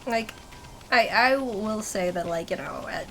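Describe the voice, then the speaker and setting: Chatty twenties woman with vocal fry. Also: mid-range voice, a little slow, fairly bright tone, slight background noise. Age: 20s. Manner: chatty, self-mocking, laughs often, swears. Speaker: streamer. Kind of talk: casual chat while gaming.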